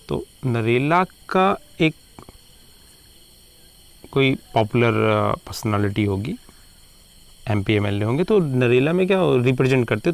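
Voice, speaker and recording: Guy explaining math to students, kinda gravelly voice, slows way down on the english bits. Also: medium pitch. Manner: mixes Hindi with English, repeats terms slowly for emphasis. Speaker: math teacher. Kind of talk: classroom lecture.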